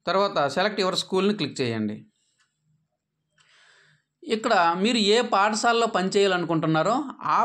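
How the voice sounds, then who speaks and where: A man gives a patient, step-by-step tutorial on an app, pausing on "aa" fillers and dropping his voice at the end of each sentence. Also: fairly bright tone. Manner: patient, instructive, with frequent "aa" fillers; drops pitch at sentence ends. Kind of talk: step-by-step screen tutorial narration.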